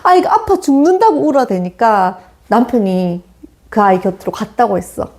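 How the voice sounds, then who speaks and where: A woman's voice: on the high side, moderate pace. A woman in her forties, an early childhood education lecturer, telling a family story in a casual chat and acting out the voices she quotes. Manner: animated, acts out quoted voices.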